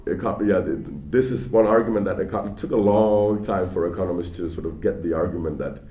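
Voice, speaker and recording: In this public lecture, a male guest lecturer talks fast in a large, noticeably echoey hall. His mellow voice sits slightly low, and his casual delivery is full of stammers and restarted sentences.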